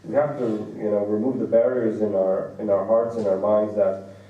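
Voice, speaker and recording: An American Islamic lecturer with a lowish voice speaks flatly at normal speed, with phone-quality sound. He explains Arabic terms through vivid everyday examples. The recording comes from a distant mic in an echoey hall, with faint noise.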